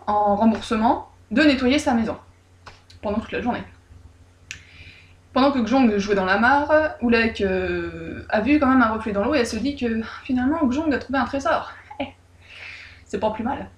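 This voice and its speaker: A woman casually retelling a folk tale with lively, irreverent, joking asides. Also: on the high side. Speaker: storyteller. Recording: roomy echo.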